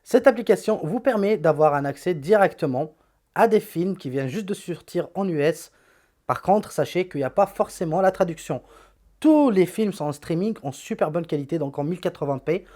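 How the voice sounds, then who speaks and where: A tech YouTuber runs through the apps on his phone in a casual, chatty walkthrough, blunt and full of slang, often repeating words. His voice is a little high and dark in tone, animated, at a normal speed.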